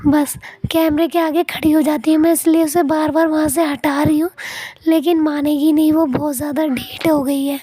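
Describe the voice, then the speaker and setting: Hoarse young woman narrating her home vlog. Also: high voice, little pitch movement, moderate pace, dark tone. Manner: chatty, talking to viewers as friends. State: hoarse from a cough. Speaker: family vlogger. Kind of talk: casual vlog voice-over.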